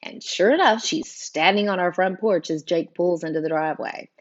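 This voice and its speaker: A woman narrating a first-person audiobook in an expressive, emotional way, voicing every character. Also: lowish voice, moderate pace, muffled recording.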